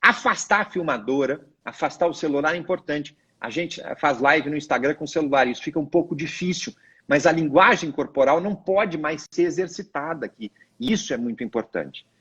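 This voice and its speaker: Lawyer guy, slightly high husky voice, teaching with big swings, dull lo-fi stream sound. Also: brisk, hardly any pauses. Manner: didactic, emphatic, expressive pitch swings. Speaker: lawyer guest. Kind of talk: live video chat advice.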